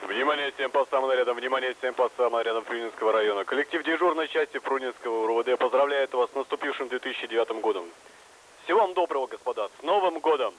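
A police duty officer speaking a brisk, official greeting over a police radio channel. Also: male voice, medium pitch, a bit bright. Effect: police radio transmission. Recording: distant hissy radio.

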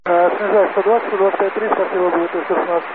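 A male pilot gives rapid, clipped readbacks in a slightly high voice. He is heard through a thin, band-limited radio with faint noise. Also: fairly even intonation, phone-quality sound. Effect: radio transmission. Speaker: airline pilot.

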